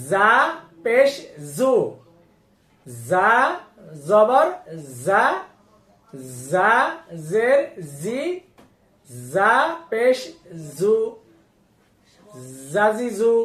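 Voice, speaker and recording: Very slow woman drilling syllables. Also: on the high side. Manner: slow, drawn-out, instructive recitation. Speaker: Quran reading teacher. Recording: echoey room.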